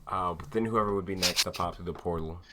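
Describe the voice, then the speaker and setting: A man's voice: deep voice, fast talker, very noisy. A man narrating a tabletop game as game master, casual and rambling with lots of fillers.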